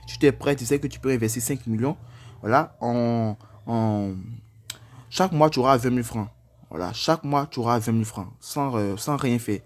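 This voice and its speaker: At normal speed and in a mid-range voice, a man presenting a crypto tutorial casually walks through an app step by step. He sounds hesitant, repeats himself, and uses frequent fillers.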